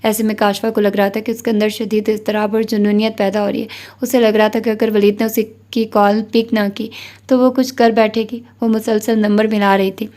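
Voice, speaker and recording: A woman narrating a novel as an audiobook reader, in an even, measured reading. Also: medium pitch.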